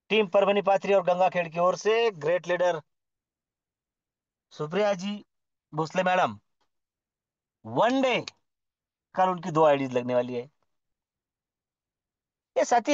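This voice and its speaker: A fairly high-voiced man gives a motivational address, formal and effusive, heaping praise and asking rhetorical questions. The sound is dull and lo-fi, and it is dry, with no room echo. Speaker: speaker at an online business community meeting.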